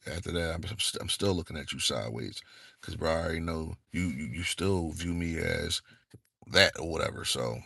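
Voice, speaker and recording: A young channel host from the northeastern US gives a rambling, laid-back vlog monologue packed with fillers and slang. His voice is extremely low, husky and bright with vocal fry, forceful and brisk, and the recording has no echo.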